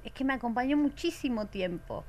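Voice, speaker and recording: Lively Argentine woman, bright high voice. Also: fairly quick, dull audio. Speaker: guest. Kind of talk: casual chat.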